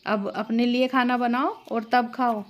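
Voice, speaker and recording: A woman playing a sneering, sharp-tongued sister-in-law. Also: a little high, fairly even intonation, measured pace, natural voice. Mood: mocking. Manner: mocking, sneering.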